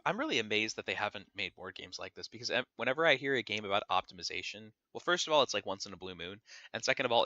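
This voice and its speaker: A man's voice: lowish voice, pushed and bright, no room sound. A man hosting a podcast in casual chat over a voice call, his voice breaking up and cutting out as he talks. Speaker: podcast host. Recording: dull lo-fi voice call audio.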